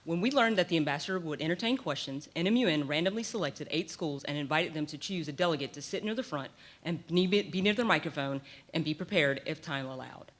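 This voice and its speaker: A man moderating a conference session, giving clear and courteous procedural instructions. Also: fairly high pitch, expressive, fairly quick, fairly bright tone. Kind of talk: formal announcements.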